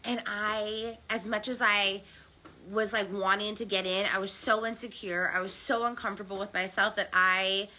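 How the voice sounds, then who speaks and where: A woman's voice: mid-range voice, steady tone, normal speed, bright, forceful tone. An American woman, a hairdresser, giving an earnest, confessional testimonial full of ums. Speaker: hairdresser turned seller. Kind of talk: personal testimonial.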